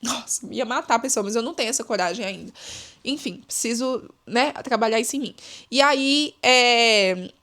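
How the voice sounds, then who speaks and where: Chatty, expressive woman podcaster. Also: on the high side, moderate pace. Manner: expressive, chatty, often addresses listeners as "gente". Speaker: podcast host. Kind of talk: casual advice monologue.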